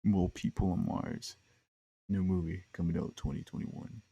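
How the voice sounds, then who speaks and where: A man's voice: sits low, steady tone, normal speed, vocal fry, mellow, husky. A young man hosting a podcast, telling rambling stories in a casual, slangy way with lots of fillers. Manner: rambling, slangy, laid-back with frequent fillers. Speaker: podcast host. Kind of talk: casual storytelling monologue.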